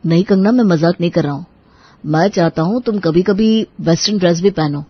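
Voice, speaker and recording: A woman voicing an easygoing, modern young husband in a cartoon, coaxing and relaxed. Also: on the low side, fairly quick, slightly rough, no room sound, dull audio.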